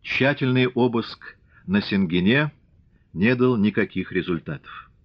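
A male audiobook narrator with a low voice reads a classic novel in a measured, literary way. The recording is dry and close, with a slightly dull tone. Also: lively intonation, no room sound.

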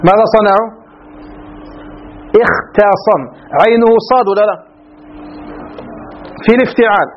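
High-voiced man teaching grammar slowly. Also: steady tone. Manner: stretches key words slowly, often asks the class if it is clear. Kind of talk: Arabic grammar lesson. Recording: dull lo-fi recording.

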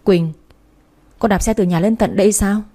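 A woman's voice: mid-range voice, moderate pace, warm tone, lightly acted. A woman voicing a middle-aged mother who scolds her daughter yet fears her husband. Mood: scolding, anxious.

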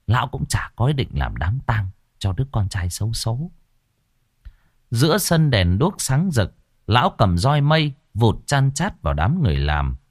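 A man narrating an audiobook story in an expressive, dramatic way. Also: medium pitch, moderate pace, no echo, studio quality.

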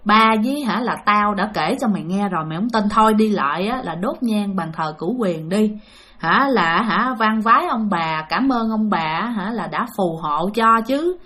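A woman's voice: medium pitch, lively intonation, moderate pace, sharp tone. Woman as a chiding mother. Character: chiding middle-aged mother.

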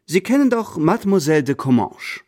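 Radio drama: pompous, scheming French nobleman, lively and lofty. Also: fairly high pitch, fairly quick. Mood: haughty. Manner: pompous, sprinkles in French phrases. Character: haughty scheming French marquis, middle-aged man.

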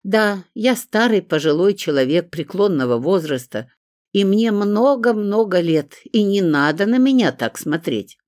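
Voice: medium pitch, lively intonation, a little slow, darkish tone, no echo, studio quality, pitched above the performer's own voice, natural voice. A reader doing a grumbling old woman of seventy-one. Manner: grumbling, complaining. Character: grumpy elderly woman, 71, fussing and nagging. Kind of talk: audiobook character voice.

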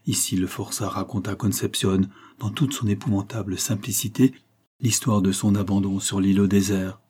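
A man narrating a classic novel in a steady, measured audiobook reading. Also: on the low side, husky.

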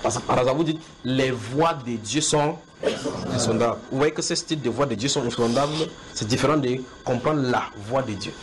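French-speaking preacher, noisy recording. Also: male voice, mid-range voice, brisk. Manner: repetitive, questioning the listeners directly. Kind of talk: house church sermon.

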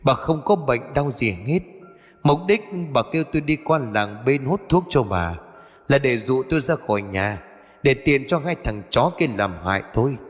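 A man voicing the vengeful ghost of a young woman, accusing her killer in a bitter, rapid voice. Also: mid-range voice, lively intonation, big-room sound, soft background music, natural voice.

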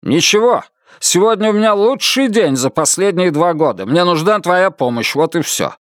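A man's voice: high voice, animated, moderate pace, no room sound, voice pushed up. A snarling, bullying middle-aged husband, put on by a male reader, his voice pushed well up and swinging wildly as he barks orders. The sound is dry and close, with no room around it. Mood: mocking. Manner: shouting, snarling, contemptuous.

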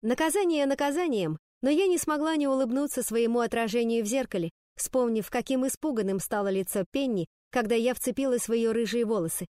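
A woman reading first-person narration for an audiobook in a steady storytelling manner. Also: on the high side, brisk, few pauses, dry recording, studio quality.

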